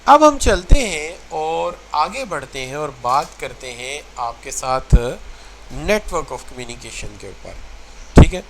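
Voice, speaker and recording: Animated male lecturer mixing English terms. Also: fairly high pitch, slight background noise, low-quality recording. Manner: mixes English terms into Urdu, addresses students as children; animated, repeats phrases to show tone differences. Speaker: teacher. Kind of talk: recorded online lecture.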